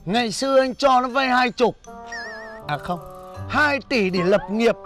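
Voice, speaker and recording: Brief: man as a loud, bragging young laborer, high voice. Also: a little slow, faint music behind, full character voice. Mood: boastful. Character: boastful broke male laborer, young adult.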